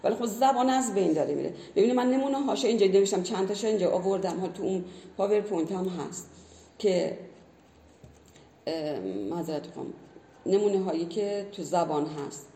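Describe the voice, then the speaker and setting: Woman teacher explaining things earnestly, lots of examples, mellow voice, echoey room. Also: mid-range voice, a little hiss or hum. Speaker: language teacher. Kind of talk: explanatory conversation. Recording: roomy echo.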